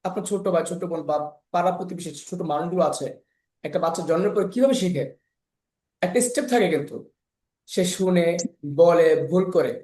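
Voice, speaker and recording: A man's voice: sits high, roomy sound. A man teaching an online spoken English class, lecturing in an encouraging, repetitive way with many examples. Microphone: video call.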